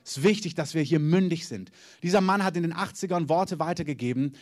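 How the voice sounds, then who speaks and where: A somewhat high-pitched man preaching a sermon. He tells a story to the congregation, leans on emphatic repetition and keeps closing his points with "Amen". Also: a little fast, darkish tone.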